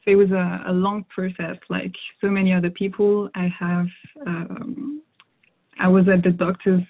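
This interview guest, a young woman who first spoke French, has a lowish voice and a flat delivery at normal speed. She answers thoughtfully but keeps restarting and using fillers, and the sound is narrow, like a phone.

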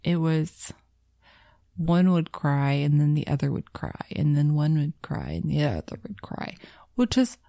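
A woman's voice: deep voice, big pitch swings, measured pace, creaky, warm tone, dry recording, clean studio sound. A young woman, a new mother of twins, chatting casually on a podcast, plain-spoken with many fillers. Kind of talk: casual chat.

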